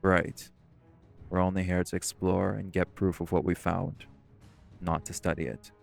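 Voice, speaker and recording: A man performs a scripted audio roleplay as a stern marine shifter, the protective, bossy leader of a dive, sounding serious and warning. His deep voice is flat, unhurried, and marked by vocal fry. Faint music sits behind him.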